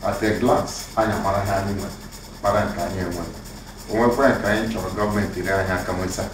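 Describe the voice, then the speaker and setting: A man's voice: deep voice, fairly even intonation, very fast. A middle-aged man with a Nigerian accent, mixing Igbo and English as he gives an informal report in an office, recorded from a far camera. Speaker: acting college provost. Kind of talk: informal report to visiting chiefs. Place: office room. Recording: echoey room from far off, noisy.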